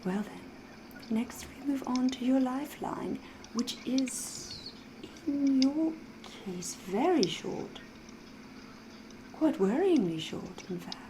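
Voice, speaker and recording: This woman's voice runs somewhat high as she plays a flirtatious, elegant, sly vampire, speaking softly and half-whispering through an ASMR roleplay full of teasing pauses and genteel wording. The mood feels ominous yet coy, with noise in the background.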